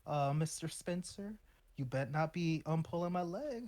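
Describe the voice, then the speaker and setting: A man's voice: fairly high pitch, lively intonation, normal speed, darkish tone. Playful male co-host, teasing, casual chat. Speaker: podcast co-host.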